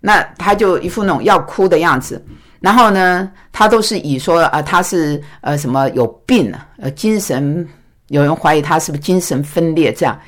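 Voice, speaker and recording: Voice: medium pitch, lively intonation, moderate pace, a bit bright. Pastor recounting a story to a congregation, stammering restarts, acts out dialogue, mid-range voice. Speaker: pastor and teacher. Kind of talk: recorded talk to a congregation.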